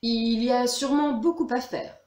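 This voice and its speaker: A woman plays a clever father in a storybook tale, calm and persuasive. He coaxes gently, and the voice rings in a roomy space. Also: on the high side, moderate pace, pitched above the performer's own voice, close to an everyday voice. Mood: coaxing. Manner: coaxing, reasonable. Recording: roomy echo.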